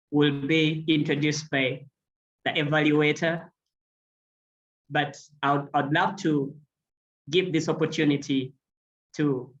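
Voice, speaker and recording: A person serving as toastmaster of the day, introducing segments of an online meeting in an unhurried, courteous way. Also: mid-range voice, muffled recording. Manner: unhurried, courteous emcee talk. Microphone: video call.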